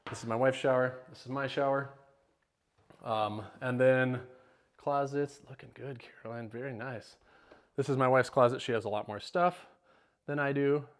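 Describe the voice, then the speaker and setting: A man's voice: medium pitch, fairly even intonation, normal speed. A middle-aged man, joking and rambling as he walks viewers through his home, sometimes out of breath. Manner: joking, rambling, self-deprecating. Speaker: homeowner giving a house tour. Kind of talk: casual house tour vlog. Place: large house, indoors, walking between rooms.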